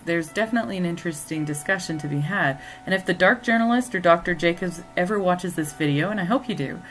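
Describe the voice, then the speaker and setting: A woman's voice: deep voice, fairly bright tone, poor audio. Earnest woman hosting a talk show. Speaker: host. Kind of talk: scripted commentary.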